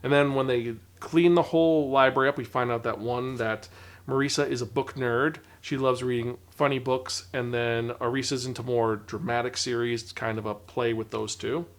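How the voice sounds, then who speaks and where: A man hosting a podcast, giving a casual, animated manga review and acting out quoted characters. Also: moderate pace. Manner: animated, acts out quoted characters with raised pitch.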